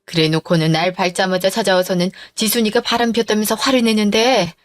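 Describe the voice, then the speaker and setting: A woman's voice: medium pitch, steady tone, a little fast, natural voice. A woman voicing a worried middle-aged mother who questions her daughter over the phone, in a dramatized story. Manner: anxious, questioning.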